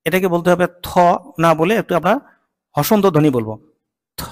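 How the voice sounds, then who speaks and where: A man teaching English consonant sounds in a slow lesson. He says each sound patiently and repeats it several times. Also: a little high, animated, in a large hall. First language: Bengali. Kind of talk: slow spoken pronunciation lesson.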